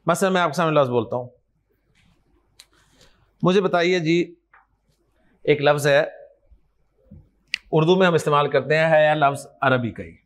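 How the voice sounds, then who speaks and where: A man's voice: on the high side, normal speed, pauses often. A man teaching an Arabic class as a lecture, drilling word pairs with his students in call and response and encouraging them as he goes. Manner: encouraging, addresses students directly.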